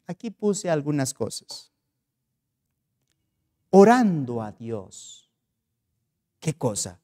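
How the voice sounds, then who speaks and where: Slow, mellow Peruvian pastor preaching. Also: male voice, a little high. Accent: Peruvian Spanish. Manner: earnest, rhetorical questioning, storytelling. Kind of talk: sermon.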